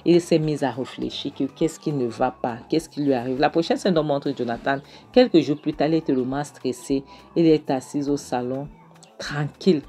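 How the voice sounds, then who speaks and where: A woman casually retelling a film scene by scene, chatty and addressing her listeners warmly as her loves. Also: low voice, normal speed. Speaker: film recap narrator. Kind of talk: casual storytelling recap of a film.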